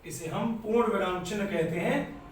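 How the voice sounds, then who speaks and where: A man's voice: high voice, moderate pace, a little hiss or hum. A man teaching a Hindi grammar lesson, explaining step by step and repeating key points, in an echoey room far from the mic. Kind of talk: classroom lecture.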